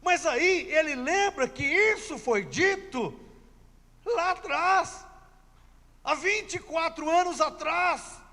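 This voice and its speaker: Male preacher, very high voice, slow and deliberate, emphatic storytelling, long church reverb. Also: lively intonation, sharp tone. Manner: emphatic storytelling, repeats key phrases. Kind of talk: sermon.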